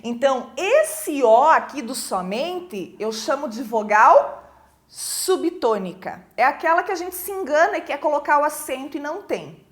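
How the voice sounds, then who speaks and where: A Brazilian woman teaching a class. She explains slowly, checks with "certo?" after each point and points to examples on the board. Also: sits high, lively intonation. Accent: Brazilian Portuguese. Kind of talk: recorded classroom lesson.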